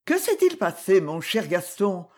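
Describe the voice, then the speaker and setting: An audiobook reader voicing a gentle, timid young bride, raising the voice into a soft, breathy register. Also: medium pitch, wildly swooping pitch, unhurried, exaggerated voice. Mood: gentle pleading. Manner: gentle, trembling. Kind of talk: audiobook character voice.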